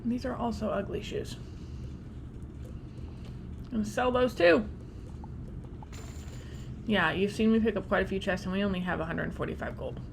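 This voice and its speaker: A woman's voice: mid-range voice, moderate pace, creaky, long pauses, noisy background. A woman giving casual gameplay commentary as the host of a walkthrough. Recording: game music behind.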